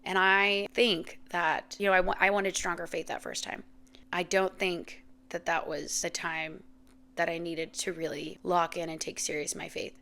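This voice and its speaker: A woman in her thirties talks through a reflective faith podcast monologue. Her voice sits on the low side with a gravelly, fry-tinged texture. She speaks earnestly and heartfelt, filling pauses with "like" and "you know", and is close to tears. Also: little pitch movement, bright, forceful tone. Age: 30s. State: emotional, near tears. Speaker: podcast host.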